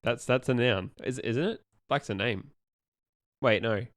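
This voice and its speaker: A man's voice: medium pitch, unhurried, no room sound, studio quality. A young man co-hosting a casual podcast, rambling with lots of ums and restarts as he asks questions. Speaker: podcast co-host asking questions. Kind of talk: casual chat.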